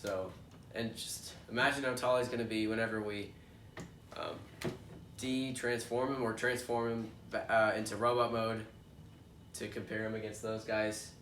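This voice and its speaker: Congested from allergies, a young toy unboxing host chats casually while opening a toy box, rambling and using frequent fillers like ums and uhs. His voice is lowish at a moderate pace. The mic sounds distant in an echoey room, with background noise throughout.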